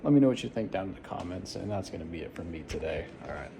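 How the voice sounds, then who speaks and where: A man's voice: low-pitched, animated, quick pace, vocal fry. A man talking casually to viewers in a rambling, laid-back, informal vlog style. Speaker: vlogger. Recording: some background noise.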